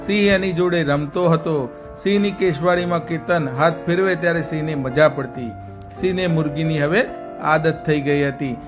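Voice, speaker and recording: A man's voice: on the high side, moderate pace, over music. A male storyteller narrating a children's story and speaking directly to young listeners with a moral.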